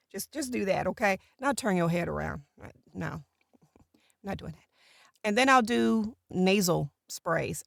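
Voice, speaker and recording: A middle-aged woman talks casually to camera, explaining a routine. Her voice sits a little low and crackles with natural vocal fry. The sound is close and dry, as in a small recording booth. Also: dry recording. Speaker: voiceover artist.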